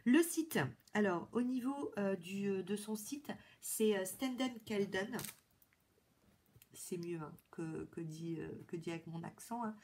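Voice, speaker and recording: A woman's voice: medium pitch, unhurried, few pauses, dark tone. A woman from France chatting enthusiastically through a haul video, full of fillers and restarts. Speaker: beauty vlogger.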